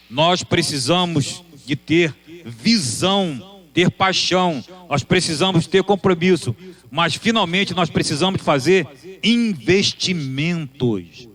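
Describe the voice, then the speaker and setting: A man's voice: fairly high pitch, fairly bright tone. A man preaching a sermon, posing emphatic rhetorical questions.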